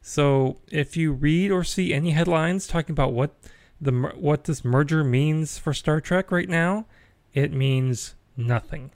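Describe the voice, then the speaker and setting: Guy hosting a nerdy news podcast, kinda high voice, chatty w/ dry jokes, close mic. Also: measured pace, a little mellow, no room sound. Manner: chatty, wry asides, frequent fillers. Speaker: podcast host.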